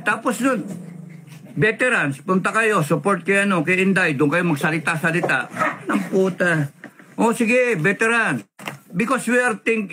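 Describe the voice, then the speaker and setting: A man's voice: sits high, pushed and bright, slight background noise. A man leading a veterans' group, delivering a heated, profane political rant to his followers and switching between Tagalog and English. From Philippines.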